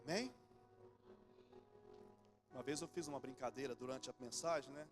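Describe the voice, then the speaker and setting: A man in his forties with a Brazilian accent, preaching a sermon in church, animated and then suddenly soft and low. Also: moderate pace, music in the background. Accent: Brazilian Portuguese. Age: 40s. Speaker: pastor.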